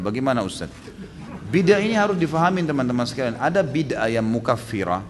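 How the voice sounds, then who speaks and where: A man preaching and answering questions at a religious study session, fast and emphatic, with many rhetorical questions. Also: mid-range voice, big-room sound, slight background noise.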